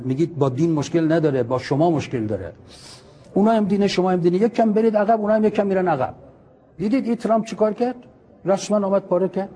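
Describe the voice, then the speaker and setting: A man preaching a sermon with impassioned, argumentative rhetoric, reciting Arabic quotations slowly and then translating them. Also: fairly high pitch, dark tone.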